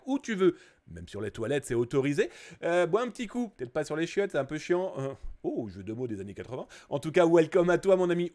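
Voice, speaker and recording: Brief: middle-aged man from France, stream host, jokey and teasing, lively swooping voice, a bit high. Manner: playful, jokey, greets viewers by name. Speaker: livestream host. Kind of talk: casual live stream chat.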